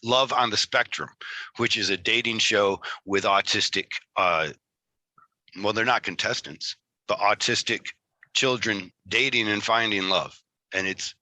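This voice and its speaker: A man's voice: on the low side, sharp tone, no room sound. A man with a Michigan Great Lakes accent hosting a casual interview in a rambling, self-deprecating way. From Michigan, United States. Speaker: interview host.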